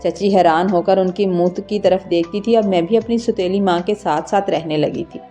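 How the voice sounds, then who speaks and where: A woman's voice: fairly low pitch, fairly even intonation, mellow, faint music behind. A woman narrating an emotional first-person story in an earnest, scripted way.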